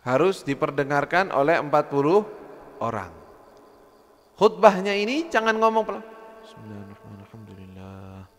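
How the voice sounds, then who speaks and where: A man giving a lively religious study lecture, acting out quotes and mumbling preachers. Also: high voice, moderate pace, pauses often, in a large hall, soft background music. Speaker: religious teacher.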